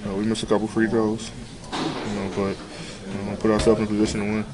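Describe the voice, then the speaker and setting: A young man's low, flat voice answers questions in a locker room, close to handheld mics. His delivery is low-key and filler-heavy, matter-of-fact rather than animated. The chatter of a crowded media scrum sits behind him. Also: quick pace, low-quality recording. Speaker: basketball player. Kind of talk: postgame media interview. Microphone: handheld reporter mics close to face.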